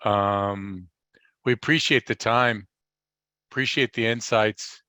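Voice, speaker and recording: A man's voice: on the low side, steady tone, slow, bright, forceful tone, clean tone, no room sound. A man acting as moderator, speaking casually as he thanks and steers a guest. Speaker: host or moderator.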